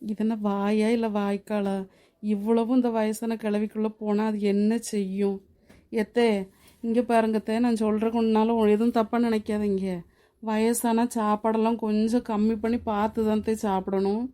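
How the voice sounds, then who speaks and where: A woman voicing a sharp-tongued young daughter-in-law in a cartoon who mutters sarcastic asides. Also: medium pitch, flat delivery, moderate pace, natural voice.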